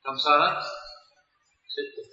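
Teacher with a bright voice, echoey and distant. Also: male voice, on the high side, huge pitch swings. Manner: explains slowly, sometimes chants examples, asks students questions. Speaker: teacher of Arabic grammar. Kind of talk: classical grammar lesson, explaining and quizzing. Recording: echoey lo-fi recording from far off in a hall.

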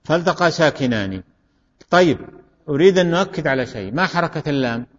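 A man's voice: fairly high pitch, expressive, quick pace. A male teacher gives a grammar lesson in a classroom, asking questions and repeating his students' answers. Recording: dull recording in a reverberant hall.

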